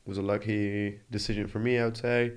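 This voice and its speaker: Speaking fast in a low, level, clean-toned voice, a man from Jordan in his twenties shares his story as an interview guest. The interview, set in Australia, is casual and conversational, and he comes across as earnest and reflective, with many restarts.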